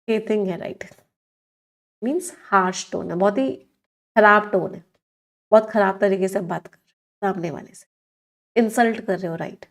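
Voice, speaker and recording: A woman's voice: medium pitch, moderate pace, long pauses. Hindi-English mixing woman teacher. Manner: explains words in Hindi mixed with English, asks the class questions. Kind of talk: online exam-prep lesson.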